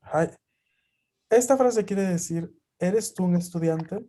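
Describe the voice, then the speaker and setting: A man's voice: high-pitched, takes it slowly, warm tone. A man teaching a language class over a video call, explaining patiently with many fillers. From Peru.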